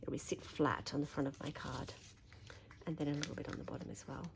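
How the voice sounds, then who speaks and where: A lowish, gravelly Australian woman's voice, slightly croaky, talking through a craft tutorial as she works, chatty and thinking aloud. Faint hiss and small tool clicks sit behind her. She sounds close to a desk mic. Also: fairly even intonation, fast. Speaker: papercraft demonstrator.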